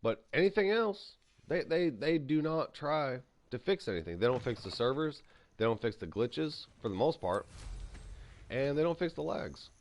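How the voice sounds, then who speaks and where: A man's voice: a little high, moderate pace. A man hosting a gaming channel, giving rambling, opinionated commentary while playing and eating. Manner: rambling, opinionated, animated ranting. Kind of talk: casual gameplay commentary.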